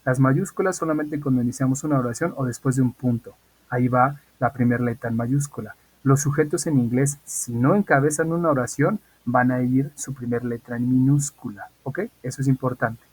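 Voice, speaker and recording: A man of ordinary pitch with a slightly husky, breathy voice teaches an English class over a computer mic. He is patient and repetitive and keeps checking that his students follow. He speaks as a teacher who is used to talking into a video call. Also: fairly even intonation, fairly quick, a little mellow, poor audio. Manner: patient, repeats key points and checks in with "¿ok?". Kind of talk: online class lesson.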